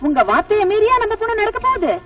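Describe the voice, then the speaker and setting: A woman's voice: very high-pitched, very animated, fast talker. A sly, scheming stepmother. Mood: smooth. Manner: sly, pointed rhetorical questions. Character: scheming middle-aged stepmother, sly and domineering. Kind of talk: Tamil film dialogue. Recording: distant film soundtrack with music.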